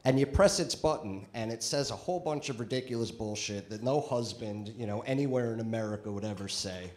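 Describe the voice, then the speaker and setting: A man's voice: on the low side, a little fast, a little mellow. A male stand-up comedian performing a conversational set with crude punchlines on a comedy club stage, into a handheld mic.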